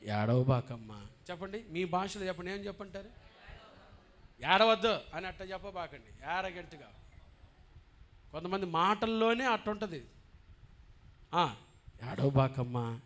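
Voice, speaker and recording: A man preaching as a pastor, asking his congregation questions and moving between quiet talk and loud preaching. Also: high voice, normal speed, long pauses. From India. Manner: swings from quiet, conversational asides to loud, impassioned preaching; asks the congregation questions directly. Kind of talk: sermon. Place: church.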